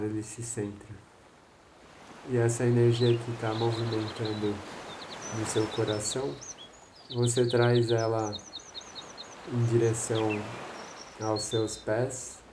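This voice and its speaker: A man with a Brazilian accent leading a guided meditation in a slow, soothing manner, with long pauses. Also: mid-range voice, noisy background.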